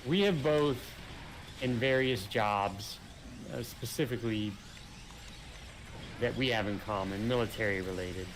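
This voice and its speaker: A man playing a co-op game chats casually with his partner, explaining his points with careful qualifiers. His voice is lowish and unhurried, with long pauses, and background noise is clearly audible in the recording.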